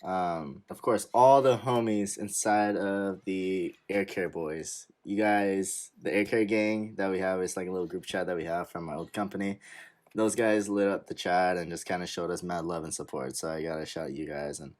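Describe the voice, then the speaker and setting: A man's voice: sits low, fairly even intonation, normal speed, darkish tone. A young man in his twenties co-hosting a podcast, chatting casually in a laid-back, slangy way and laughing often. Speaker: podcast co-host. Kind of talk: casual chat.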